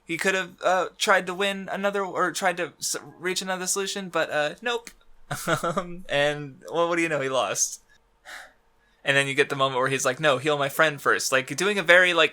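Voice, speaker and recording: A man's voice: a little high, bright, forceful tone. A man co-hosting a podcast in casual chat, rambling through fillers and restarts and laughing often. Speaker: podcast co-host.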